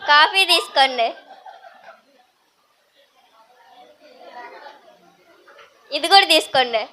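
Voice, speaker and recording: A woman's voice: high-pitched, expressive, brisk, sharp tone, some chatter behind. A woman playing a lazy, naive housemaid who talks in a simple, comic and deferential way, in a church Christmas skit.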